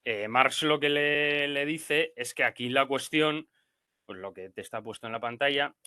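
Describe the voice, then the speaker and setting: A man with a Spanish accent talks through a reading for a study seminar, hesitating often and restarting his sentences. He has a sore throat, yet his tone is very bright and sharp. The sound is dry and close, with no room echo. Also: mid-range voice, clear, resonant tone. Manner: halting, many fillers and restarts. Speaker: seminar participant presenting a reading. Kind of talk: explaining a text in a study seminar.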